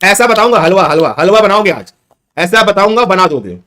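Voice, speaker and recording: A man's voice: high voice, sing-song, normal speed, bright, forceful tone. A man teaching a live online exam-prep class, repeating questions and coaxing his students to answer. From Chhattisgarh, India.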